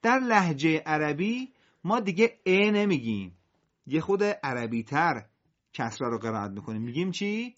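Man, Quran recitation teacher, animated intonation, dull lo-fi sound. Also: on the high side. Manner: slow, careful drilling of Arabic letters, lively intonation. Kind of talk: classroom lesson with call and response.

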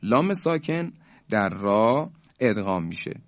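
A man giving a calm radio lesson on recitation rules, stretching the example words out slowly. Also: on the low side, dry recording, highs cut off. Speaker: Quran recitation teacher on radio.

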